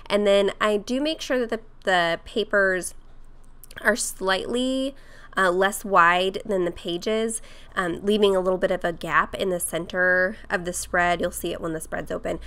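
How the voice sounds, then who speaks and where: A woman with a cold-roughened voice, chatting casually through a craft tutorial voice-over. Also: mid-range voice, steady tone, a little slow. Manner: chatty, with fillers and soft laughs. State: hoarse from a cold. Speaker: craft vlogger.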